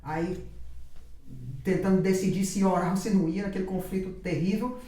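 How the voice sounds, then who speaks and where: A man's voice: high-pitched, fairly even intonation, normal speed, mellow, very echoey. A man, a guest on a podcast, animatedly telling a personal faith testimony with lots of quoted dialogue.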